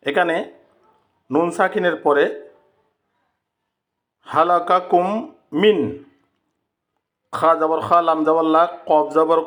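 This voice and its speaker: Slow, deliberate man teaching recitation. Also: a little high, steady tone, a bit bright. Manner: repeats words, drawing out Arabic examples slowly. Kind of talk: slow step-by-step tajweed lesson.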